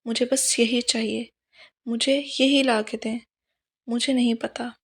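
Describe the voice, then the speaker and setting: A woman's voice: a little high, level tone, measured pace, breathy edge. A woman voicing a tearful young woman who pleads like a child over her lost pet. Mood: pleading.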